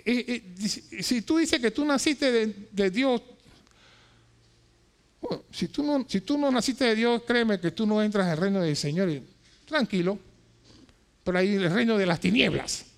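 A man preaching an impassioned sermon as pastor, shouting lines and then dropping to quiet asides, repeating phrases for emphasis. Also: high-pitched, lively intonation, normal speed, vocal fry, long pauses.

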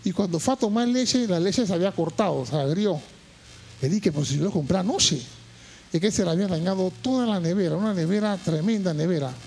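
A man preaching a sermon, moving from quiet storytelling to shouted, impassioned high points and repeating phrases for emphasis. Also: animated, a little fast, creaky, breathy edge. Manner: repeats words and phrases while telling a story.

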